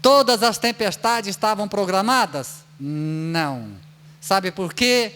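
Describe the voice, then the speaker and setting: A man's voice: high voice, lively intonation, slow, sharp tone, clean tone. A man with a Brazilian Portuguese accent giving a spiritist lecture, telling stories and acting out the voices of the people in them. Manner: storytelling, acts out voices of people in his anecdotes. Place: lecture hall of a spiritist center.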